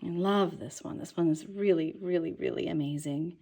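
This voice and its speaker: A woman guides a casual showcase tour through her crystal shop, enthusiastic and chatty, at times sinking into a near whisper. Her voice is mellow and a little breathy. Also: lowish voice, normal speed. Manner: enthusiastic, drops to whispers now and then. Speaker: shop owner. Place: crystal and mineral shop, indoors.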